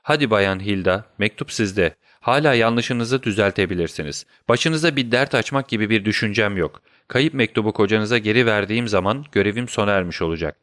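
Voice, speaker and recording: A man's voice: fairly low pitch, lively intonation, brisk, few pauses, a bit bright, no echo, studio quality. A man voicing a brilliant male detective in an audiobook reading, speaking firmly and with command. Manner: firm, commanding.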